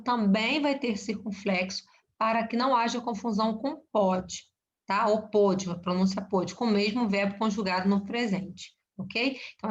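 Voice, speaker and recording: A woman with a Brazilian Portuguese accent teaching a recorded grammar lesson, explaining step by step and checking in with short tag questions. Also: medium pitch. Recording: dull lo-fi recording.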